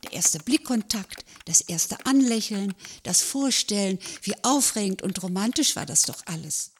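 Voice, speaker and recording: A woman of eighty hosting a podcast, reading prepared remarks in a measured, wistful way and then asking curious questions. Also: mid-range voice, expressive, slight background noise. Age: 80s. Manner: measured, wistful reading about the old days. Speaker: podcast host.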